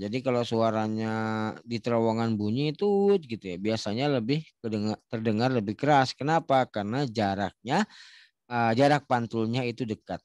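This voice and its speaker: A man teaching a science lesson in a relaxed, chatty way. He sometimes shouts out sample sounds to demonstrate. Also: mid-range voice, no room sound. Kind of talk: casual classroom explanation.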